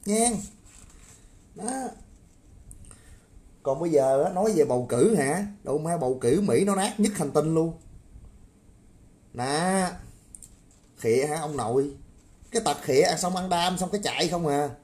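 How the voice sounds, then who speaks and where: Guy ranting on a stream, crude and mocking, kinda high but dark mellow tone. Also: lively intonation, measured pace, long pauses. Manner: crude, mocking, swears often, asks viewers for agreement. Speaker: political commentator. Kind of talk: livestream rant.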